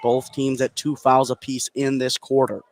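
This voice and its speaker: Courtside at an indoor high school gym, a man calls the basketball action live for radio. His mid-range voice stays completely flat and his speed is normal, while the loud gym sound carries through the broadcast.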